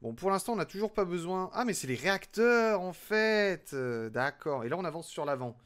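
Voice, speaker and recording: A young man with a high, fairly bright voice talks at a normal speed but with lots of animation. He chats with his stream's viewers while building, joking self-deprecatingly.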